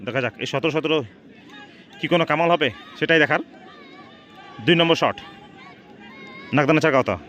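A man's voice: on the high side, brisk, long pauses, fairly bright tone. A man gives live football shootout commentary, repeating stock phrases and dropping in English words. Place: outdoors at a local football ground. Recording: outdoor ground with crowd noise. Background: crowd and outdoor noise.

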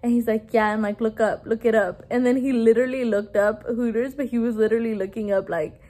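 A woman's voice: fairly high pitch, fairly even intonation, fast talker, warm tone. A young woman vlogging on her phone, chatting casually, switching between English and Spanish, laughing often and filling her talk with "like". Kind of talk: casual vlog talk to camera. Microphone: phone held at arm's length.

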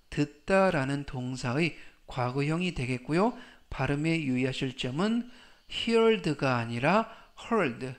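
A man teaching English vocabulary in a scripted lesson. He repeats each word three times and explains its meaning step by step. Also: on the high side.

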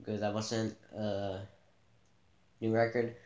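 A man giving a casual gameplay tutorial, relaxed and thinking aloud as he plays in a dim room, filmed by a camera pointed at the TV. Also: on the low side, slow, roomy sound. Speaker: gaming channel host.

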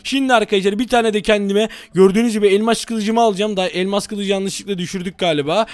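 A man hosting a gaming channel, giving excitable gameplay commentary straight to his viewers. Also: sits high, no room sound.

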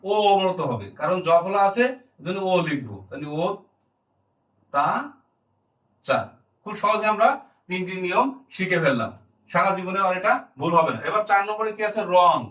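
A man's voice: sits high, a bit bright, reverberant, distant mic, low-quality recording. A man teaching a lesson, explaining rules one by one and repeating key words, often asking a question and answering it himself.

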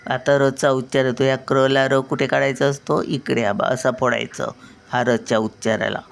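An older woman teaching a spelling and pronunciation lesson, slowly drawing out syllables to show how words are said. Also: extremely low pitch, flat delivery, creaky.

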